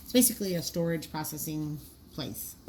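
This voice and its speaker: Her voice sitting low and warm, a woman trainer moves briskly through draft training cards for dispatchers. The recording is rough, with a little hiss or hum, and her walkthrough is informal, practical and explanatory, often thought through out loud.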